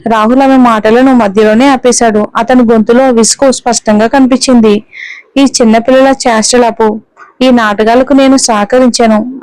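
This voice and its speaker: Smooth-voiced woman storyteller. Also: a little high, darkish tone, dry recording, low-quality recording. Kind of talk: scripted narration of a family drama.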